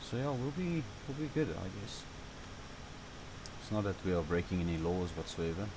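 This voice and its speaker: A deep-voiced gaming channel host with a South African accent and Afrikaans as his first language talks at a moderate pace through a driving game. His casual tutorial commentary is relaxed, rambling and chatty, full of fillers and light grumbling, over a steady air-conditioner hum.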